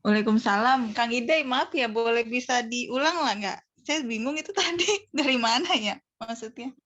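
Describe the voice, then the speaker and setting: A woman's voice: on the high side, moderate pace, fairly bright tone. A woman joining an online class over a video call, asking polite and hesitant questions. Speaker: class participant.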